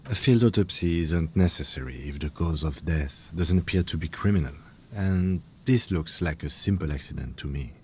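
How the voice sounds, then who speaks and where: A low, mellow voice belongs to a calm and methodical police lieutenant. He speaks in a measured, precise, matter-of-fact way, with a faint hum of ambience behind him. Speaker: police partner. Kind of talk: game voice acting.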